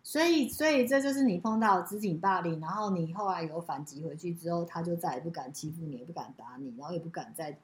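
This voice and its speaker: Quick-talking lower-voiced woman co-host. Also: expressive. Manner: chimes in and sums up, finishing the other speaker's sentences. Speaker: podcast co-host, parent. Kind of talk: casual podcast chat.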